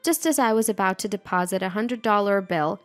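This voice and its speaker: Woman narrator for a first-person story; steady, measured read over soft music. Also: medium pitch.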